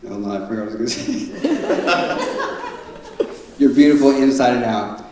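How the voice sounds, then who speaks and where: A man's voice: mid-range voice, mellow. Echoey, folksy father of the bride speech. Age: middle-aged. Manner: folksy, conversational, joking delivery with halting asides. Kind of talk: father of the bride wedding speech, joking and sentimental. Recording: very echoey room, distant mic, noisy.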